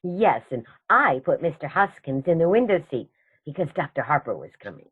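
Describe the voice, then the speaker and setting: An actress playing a genteel elderly aunt in a comedy radio play, serenely matter-of-fact and gently chiding. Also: female voice, low-pitched, very animated, normal speed, slightly rough, phone-quality sound, heavily acted. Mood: prim, matter-of-fact. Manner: prim, gently chiding, unruffled. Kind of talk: stage comedy radio theatre acting.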